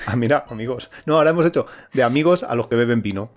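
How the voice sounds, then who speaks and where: Lively man telling travel stories. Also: mid-range voice, very fast. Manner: animated storyteller who acts out the people he quotes. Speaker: podcast co-host. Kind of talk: casual travel storytelling.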